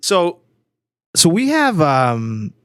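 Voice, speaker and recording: A young man co-hosting a casual podcast, joking in quick banter. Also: fairly high pitch, wildly swooping pitch, smooth, no room sound, clean studio sound. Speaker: podcast co-host. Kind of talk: casual chat.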